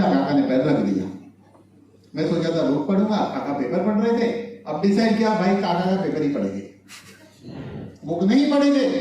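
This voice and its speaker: A man's voice: sits high, mellow. A man tells humorous motivational stories at a business launch event, chuckling as he goes. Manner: chuckles through his anecdotes. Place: large event hall. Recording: echoey hall from far off, faint noise.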